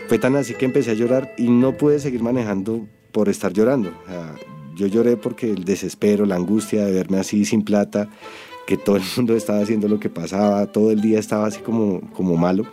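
A man with a Colombian accent, speaking earnestly in an interview and pausing to search for words. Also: on the low side. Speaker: storyteller interviewed. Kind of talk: reflective interview.

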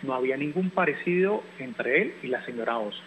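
A man, a teacher, calmly reading a children's story aloud, with some hesitation when he speaks off the page. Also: mid-range voice, brisk, narrow, tinny audio, slight background noise.

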